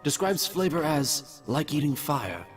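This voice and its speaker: Here the mad scientist of the fan audio drama is voiced fairly high and very animated, yet at a measured pace. He stays clinical, detached and pompous, menacingly polite as he dictates cruel experiment notes, his voice distant over background music.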